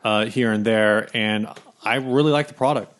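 A man co-hosting a podcast in casual, somewhat halting talk, recorded in a garage. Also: lowish voice, fairly bright tone. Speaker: podcast co-host.

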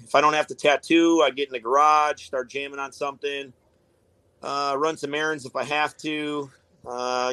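A man's voice: medium pitch, a bit bright, no room sound. A man in a casual podcast chat, talking in a laid-back, rambling way with lots of swearing. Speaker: guest, tattoo artist.

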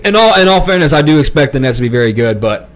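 A man's voice: on the high side, big pitch swings, fast talker, slight background noise. A man co-hosting a sports comedy podcast, rambling in a laid-back way and laughing as he talks. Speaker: podcast co-host.

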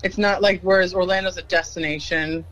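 A man's voice: high-pitched, steady tone, a little fast, fairly bright tone, muffled recording. A man co-hosting a podcast, chatting eagerly and saying "like" a lot. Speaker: podcast co-host. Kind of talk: casual chat.

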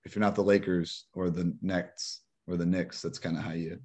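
A man co-hosting a podcast, chatting casually about sports in a rambling, halting way full of restarts. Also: low voice, level tone, warm tone, breathy edge. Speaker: podcast co-host.

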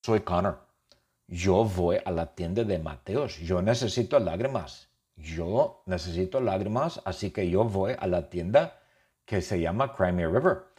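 A man speaking as an eccentric young male painter, in slow, simple, deadpan first-person sentences. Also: low-pitched, slightly rough. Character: odd young man who paints with tears. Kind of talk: comic storytelling.

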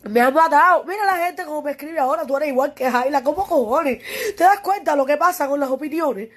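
A young woman musician with a Cuban Spanish accent, her voice high and a little fast, pleads with a critic in an emotional direct-to-camera monologue. Tearful and weary, she repeats herself passionately and curses.

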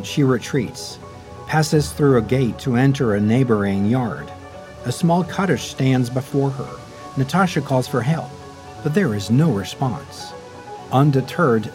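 Man narrating a dramatic true story over soft music. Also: mid-range voice. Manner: measured, dramatic storytelling delivery. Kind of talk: scripted documentary narration. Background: faint background music.

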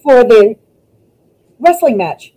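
A woman, a former wrestler, chatting as a guest over a video call, telling stories in an animated way and acting out what people said. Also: a little high, slow, slightly rough, poor audio. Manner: animated storytelling, acts out quotes. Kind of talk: casual interview chat.

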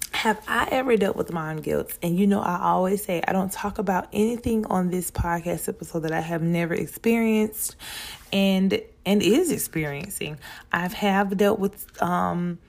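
A thirty-year-old woman with a lowish, gravelly, darkish voice hosts a solo podcast. She talks in a chatty, rambling way straight to other moms.

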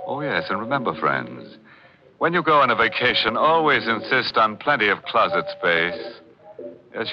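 An actor playing a sardonic, ghoulish radio mystery host who trades gallows puns and sinister chuckles, on a lo-fi 1940s broadcast. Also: male voice, deep voice. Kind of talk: 1940s radio drama hosting.

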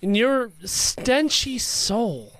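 A player doing a slow, menacing, preachy villain. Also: mid-range voice, very animated, a bit bright, pitched above the performer's own voice, heavily acted. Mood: grandiose menace. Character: righteous scheming captive Kevin, grandiose and condescending. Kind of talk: in-character tabletop role-play.

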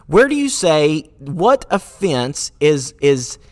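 A man's voice: a little high, big pitch swings, slow, no room sound. Earnest man hosting a solo podcast. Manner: earnest, rhetorical questions, frequent fillers and restarts; sarcastic at times. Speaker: podcast host.

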